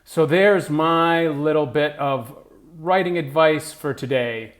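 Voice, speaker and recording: A man's voice: a little high, takes it slowly. Man rambling casually about writing. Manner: conversational, rambling, full of "like" and "you know". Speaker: writer giving advice. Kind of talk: casual talking-head monologue.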